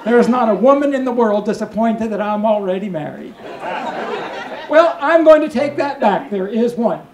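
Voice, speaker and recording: A middle-aged Kentucky man with a high-pitched, animated voice performs stand-up at normal speed on a small indoor comedy club stage, telling stories and doing crowd work. He projects to the room through a handheld mic, and the recording is echoey and clearly noisy, with crowd noise audible.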